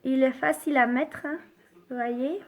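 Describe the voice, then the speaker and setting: A woman hosting a live makeup demonstration, chatty and unhurried, filling pauses with little interjections and dropping to soft asides while she works. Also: sits high, fairly even intonation. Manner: chatty, unhurried, full of fillers like "hein" and "hop". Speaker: makeup live-stream host.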